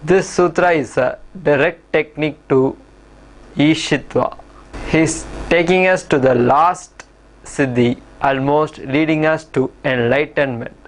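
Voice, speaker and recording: A man's voice: on the high side, steady tone, a little slow, low-quality recording. A man presenting scripted news in the manner of a field reporter. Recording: music behind the voice. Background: music.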